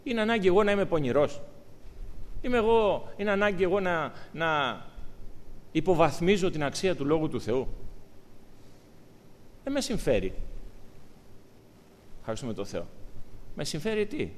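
A man preaching a sermon to his congregation, talking with lively, emphatic rises. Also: on the high side, long pauses. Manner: animated, rising to emphatic peaks. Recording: long hall reverb.

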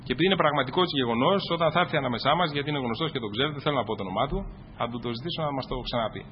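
A man preaching a sermon to his congregation, rising to loud exclamations and dropping to quiet asides. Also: mid-range voice. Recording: dull, echoey hall with faint noise.

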